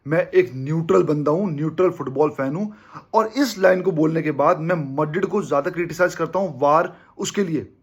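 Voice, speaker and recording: A man's voice: high-pitched, breathy edge. A young man from India hosting a football fan channel, giving an emphatic casual opinion monologue to his viewers and constantly calling them brother.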